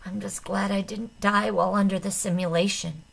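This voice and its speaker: A woman's voice: medium pitch, steady tone, normal speed, creaky, a bit bright, husky, exaggerated voice. A woman voicing a dying young woman who speaks weakly and in pain.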